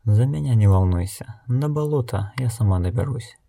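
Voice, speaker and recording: A man reading an audiobook, voicing a calm, blind wandering woman who speaks in a measured, unhurried way. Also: medium pitch, gravelly.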